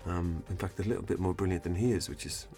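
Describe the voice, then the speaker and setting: A man guesting on a casual studio interview, chatty and wry, halting with fillers. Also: low-pitched, creaky, mellow, faint music behind. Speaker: actor guest. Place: recording studio.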